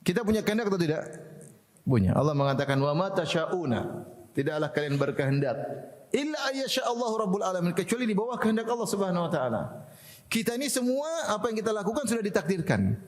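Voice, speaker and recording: Male preacher, slightly high voice, chatty lecture style with rhetorical questions, reverberant hall. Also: sing-song, fast. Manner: asks the audience rhetorical questions, laughs often. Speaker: Islamic preacher. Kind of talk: religious lecture to a congregation.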